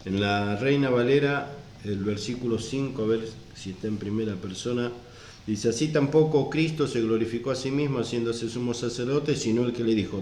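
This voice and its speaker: A man's voice: medium pitch, a little mellow, echoey room, a little hiss or hum. A man preaching a sermon, stressing and repeating his points as he reads scripture aloud. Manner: repeats and stresses verse references. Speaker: pastor.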